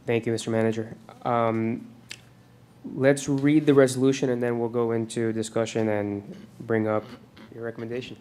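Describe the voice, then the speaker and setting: A man's voice: mid-range voice, level tone, moderate pace, a little mellow. A man speaking as a mayor chairing a formal public meeting, heard over a meeting room microphone. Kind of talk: formal meeting procedure and remarks. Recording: meeting room mic with clear background noise.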